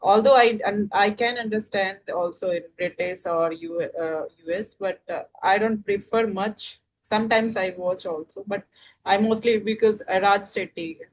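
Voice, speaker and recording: A woman's voice: mid-range voice, steady tone, normal speed, slight background noise, poor audio. Hesitant woman with an Indian accent. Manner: hesitant, many fillers and restarts. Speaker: English learner guest. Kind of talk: casual conversation practice.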